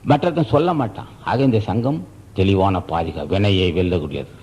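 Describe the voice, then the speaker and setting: A man's voice: low voice, very animated, moderate pace, darkish tone, breathy edge. A man giving a sermon as a spiritual teacher, preaching emphatically, repeating key phrases and asking rhetorical questions. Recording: dull archival tape recording.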